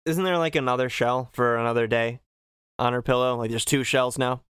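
Crisp-voiced man in casual recap chat. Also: medium pitch, steady tone, a little fast, a bit bright. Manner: acts out quoted lines while retelling. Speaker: podcast host.

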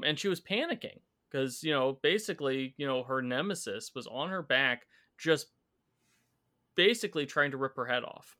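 A man's voice: on the high side, bright, forceful tone. A man acting as game master, casually recapping a tabletop game and explaining its rules in detail.

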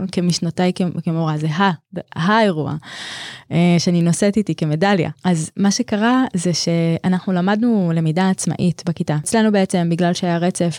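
Low mellow-voiced woman teacher, earnest storyteller. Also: no echo, clean studio sound. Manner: warm, earnest, thoughtful, with frequent restarts and soft laughs. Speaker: teacher, podcast guest. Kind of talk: reflective storytelling in conversation.

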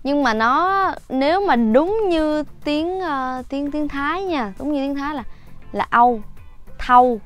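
A woman giving a casual vocabulary lesson, chatty and self-correcting, repeating each word slowly for learners. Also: high-pitched, faint music behind. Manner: slow repetition of words for learners. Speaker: language teacher.

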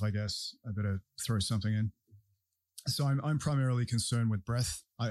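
A man's voice: medium pitch, darkish tone, no room sound. A man hosting a podcast, talking casually in a blunt, opinionated way. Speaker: podcast host and breathwork practitioner. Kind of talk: casual conversational talk.

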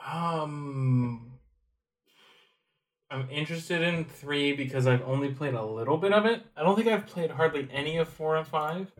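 A podcast co-host chats casually, making dry jokes and laughing often. His voice is fairly high and his delivery a little slow.

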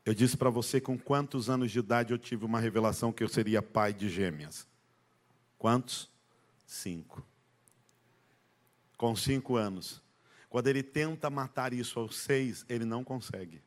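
Pastor guy preaching at church, goes quiet then loud, keeps asking the crowd stuff. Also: moderate pace, pauses often. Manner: emphatic, call-and-response with the congregation; swings from hushed to loud, rising high when retelling a story. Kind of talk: sermon. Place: church service.

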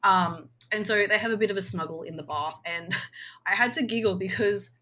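Chatty woman, bright voice. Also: mid-range voice, moderate pace. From Australia. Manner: chatty, filler-heavy, frank. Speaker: podcast co-host. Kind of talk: casual chat.

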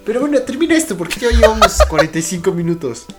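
A man's voice: high-pitched, fast talker, loud music behind the voice. Playful man on an anime podcast. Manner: playful and expressive, drifting into soft, hushed talk. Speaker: podcast co-host. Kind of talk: casual podcast chat about anime.

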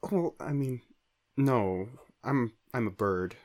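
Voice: mid-range voice, slow, darkish tone, pitched below the performer's own voice, natural voice. A player doing a flustered, rambling bird. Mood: gloomy. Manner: hesitant, rambling, many fillers. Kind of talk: playing a character in a tabletop game.

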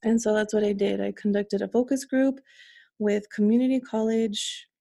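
Mellow-voiced woman speaking earnestly. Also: medium pitch, steady tone, moderate pace, vocal fry. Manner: earnest, laughs between points. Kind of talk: conversational interview.

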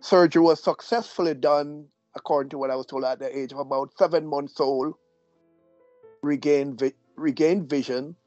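A man from Jamaica with an announcer-like voice, telling his life story as a guest in a measured, gently humorous way. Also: fairly high pitch, fairly even intonation, no room sound, faint music behind. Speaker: guest, deacon. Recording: dull, dry audio.

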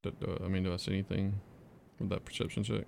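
A man's voice: deep voice, level tone, fast talker, creaky, a little mellow, a little hiss or hum. A man playing a tabletop role-playing game, talking casually through what his character does.

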